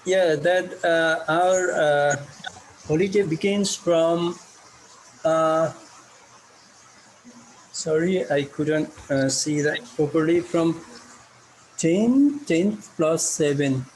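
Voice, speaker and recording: Nepali-accented male teacher, slow halting delivery, slightly raised pitch, faint background noise. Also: low-quality recording. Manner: halting, many fillers and restarts. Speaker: teacher and club organizer. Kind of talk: video call chat. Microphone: video call.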